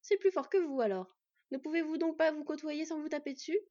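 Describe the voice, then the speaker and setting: A woman's voice: sits high, expressive, moderate pace, vocal fry, dark tone, pitched above the performer's own voice. Woman voicing a stern scolding she-wolf. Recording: dull lo-fi, dry.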